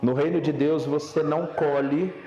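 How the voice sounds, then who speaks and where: A young man from Brazil, a pastor telling a story in a Sunday sermon, swinging between loud urgent preaching and low, slow emphasis. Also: fairly even intonation, dull audio. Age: young adult. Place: church service.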